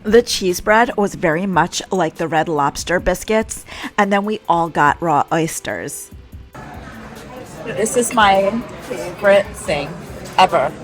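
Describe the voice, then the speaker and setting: A woman's voice: lowish voice, slow, faint music behind. A woman vlogging casually aboard a cruise ship, chatting upbeat and directly to her viewers. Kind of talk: casual vlog narration.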